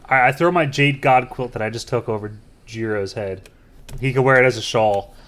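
A man's voice: medium pitch, brisk, fairly bright tone. A man playing a tabletop game, joking and pushing the group to act. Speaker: player. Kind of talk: casual tabletop play.

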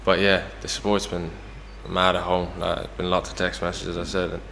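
A man's voice: low-pitched, monotone, fairly quick, gravelly, fairly bright tone, long reverb tail, slight background noise. A young Irish man talking casually as the guest in an interview, full of fillers like "you know". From Ireland. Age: young adult. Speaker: footballer guest.

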